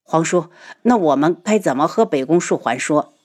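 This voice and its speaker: A woman's voice: low-pitched, animated, normal speed, darkish tone. A woman doing an eager young emperor. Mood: earnest. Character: young emperor, man, earnest and curious.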